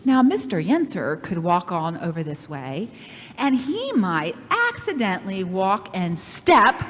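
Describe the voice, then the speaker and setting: Playful woman talking to kids at church camp, voice bounces all over, big hall echo. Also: medium pitch. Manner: animated and playful, speaking straight to kids. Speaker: children's program leader. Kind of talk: children's Bible-camp lesson. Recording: echoey hall reverb.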